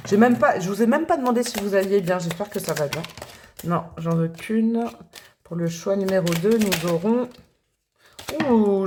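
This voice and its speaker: A woman's voice: medium pitch, darkish tone, a little hiss or hum. Woman tarot host, casual and rambling, self-mocking; everyday speaking voice. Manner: chatty and rambling, laughs at herself. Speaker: tarot reader and channel host. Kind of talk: casual tarot reading to camera.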